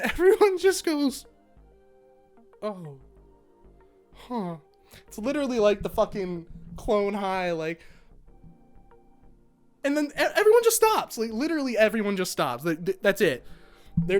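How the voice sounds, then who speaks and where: A man's voice: sits high, clear, resonant tone. A young man giving a casual spoken cartoon review, ranting and swearing in exasperation. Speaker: animation reviewer.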